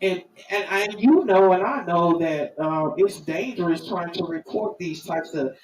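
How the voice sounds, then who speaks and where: A middle-aged or older woman, hosting a live stream in an earnest, halting, emphatic way. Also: lowish voice, a little mellow. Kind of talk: informal spoken commentary to viewers. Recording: roomy, distant mic, faint noise.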